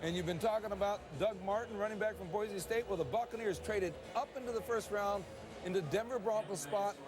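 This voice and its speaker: A man's voice: sits high, brisk, music in the background. A man giving a live sports report.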